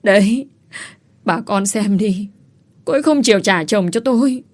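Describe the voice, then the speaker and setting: A woman voicing a scheming young pregnant village woman who wails and pleads loudly. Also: medium pitch, animated, measured pace, close to an everyday voice. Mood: wailing. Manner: loud, wailing, pleading.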